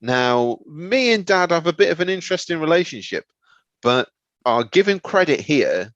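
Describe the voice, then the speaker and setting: A man's voice: fairly high pitch, sing-song, normal speed, a bit bright, no room sound. A man co-hosting a comedy podcast, telling a rambling story and stumbling over words. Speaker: podcast co-host. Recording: slightly dull, lo-fi.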